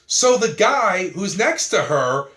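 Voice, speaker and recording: A man's voice: high-pitched, sing-song, takes it slowly, a bit bright. A man in a casual film review chat, retelling scenes with laughter and swearing freely.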